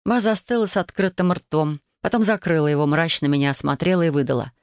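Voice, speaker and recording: A woman narrating a first-person novel in an even, measured storytelling voice. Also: low-pitched, dry recording, studio quality. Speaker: audiobook reader.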